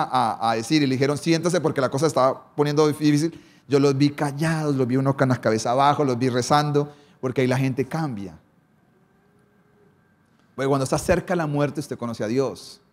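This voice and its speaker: Pastor preaching a sermon. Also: male voice, fairly high pitch. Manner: preaching, varied emphasis and pace, rhetorical questions.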